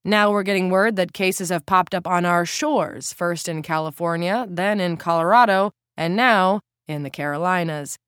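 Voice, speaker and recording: Male TV anchor, crisp and measured, read by a woman narrator. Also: lowish voice, a bit bright, no echo, clean studio sound, lightly acted. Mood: formal. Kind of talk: news broadcast reading.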